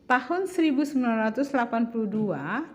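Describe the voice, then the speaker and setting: A woman's voice: a little high, lively intonation, fairly quick. A woman tutor explaining patiently to children, asking questions and answering them herself. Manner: patient, addresses pupils as children, asks and answers own questions. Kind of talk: slow classroom explanation.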